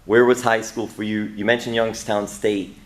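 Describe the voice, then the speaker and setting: A man's voice: fairly low pitch, flat delivery, normal speed. A man hosting an interview, asking several questions in one go. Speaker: interview host. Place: wrestling training gym.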